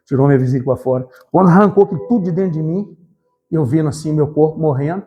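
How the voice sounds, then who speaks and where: Man, preacher, high voice, rapid-fire delivery, fervent church sermon. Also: faint music behind. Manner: fervent, emphatic, rising to shouts; talks directly to the congregation. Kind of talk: evangelical sermon.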